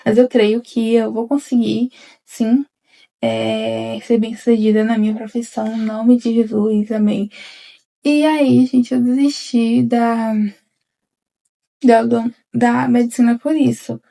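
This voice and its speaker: Gravelly-voiced young woman vlogging to camera. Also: fairly high pitch, steady tone, slow pace, warm tone. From Bahia interior, Brazil. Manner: rambling, repeats "gente" often, frequent restarts. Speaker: vlogger, newly graduated dentist. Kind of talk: casual confessional vlog.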